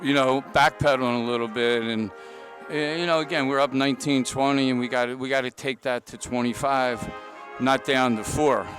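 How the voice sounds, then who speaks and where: Middle-aged basketball coach after a game, lots of uh and you know, loud music going behind him. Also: male voice, mid-range voice, fairly even intonation, poor audio. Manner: halting, with frequent "uh" and "you know". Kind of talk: postgame interview.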